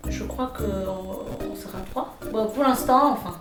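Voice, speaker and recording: An actress with an African French accent playing a sharp, mocking young woman who owns a shared flat. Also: mid-range voice, measured pace, echoey room, music in the background, natural voice. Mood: teasing. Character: sassy bossy young woman flat owner. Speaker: Ruby, flat owner looking for roommates. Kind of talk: web series acting.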